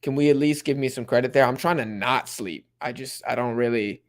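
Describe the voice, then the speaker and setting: A young male streamer, a fan backing Mexico, hosts a watch-along with casual live commentary and chat reading. Laid-back and chatty, he bursts into excitement at big plays, speaking briskly at medium pitch.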